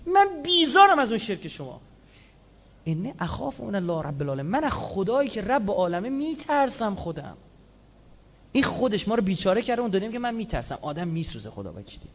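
A man delivering a lively religious sermon, switching between recited scripture and casual, joking asides. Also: sits high. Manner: animated, with Quranic quotes and colloquial asides. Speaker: religious speaker. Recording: slightly dull lo-fi sound.

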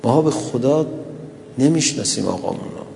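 A man's voice: medium pitch, expressive, vocal fry, warm tone, in a large hall, a little hiss or hum. A man preaching a sermon and retelling stories, tender at first and rising into mournful lament. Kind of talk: religious sermon with storytelling and lament.

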